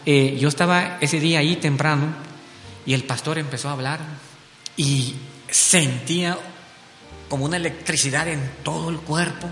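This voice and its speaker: A man's voice: on the high side, fairly even intonation, normal speed. A man from Belize giving an earnest spoken testimony in church, telling his story with frequent tag questions. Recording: echoey hall with soft music.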